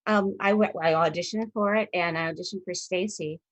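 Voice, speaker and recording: A low, husky woman in her fifties chats over a video call, restarting her sentences as she tells her stories. Her voice sits in a dry, close sound with almost no room around it. She talks with lively, tumbling energy. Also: fairly quick, dry recording. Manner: rambling, self-interrupting, animated anecdotes. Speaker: actress, interview guest. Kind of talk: casual storytelling interview.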